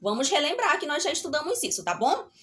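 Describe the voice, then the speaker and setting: A woman's voice: sits high, big pitch swings, fairly bright tone. A middle-aged Brazilian woman teaching a primary class remotely, drawing out syllables and often checking in with a "tá bom?". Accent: Brazilian Portuguese. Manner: slow, drawn-out syllables with a repeated "tá bom?" check.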